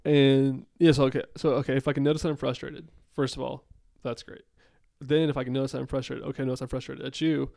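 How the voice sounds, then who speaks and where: A man's voice: mid-range voice, level tone, quick pace, creaky, few pauses, a little mellow, dry recording, clean studio sound. A man in his late twenties in a casual, thoughtful chat with his partner, rambling with many fillers and restarts. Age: late 20s.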